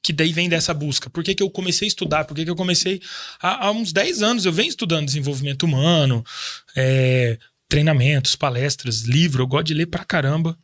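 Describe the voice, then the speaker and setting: A man's voice: on the high side, a little fast, fairly bright tone, no echo, clean studio sound. A man in his thirties from Brazil, a guest in a casual interview, talking in a reflective, faith-driven way with frequent restarts. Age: 30s. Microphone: studio microphone.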